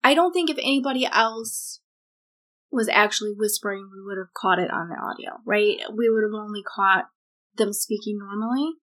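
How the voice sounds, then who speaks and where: A woman's voice: mid-range voice, normal speed, fairly bright tone. A woman co-host in casual talk, tentative and reflective, wanting to stay skeptical. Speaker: paranormal investigator co-host. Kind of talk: casual podcast chat.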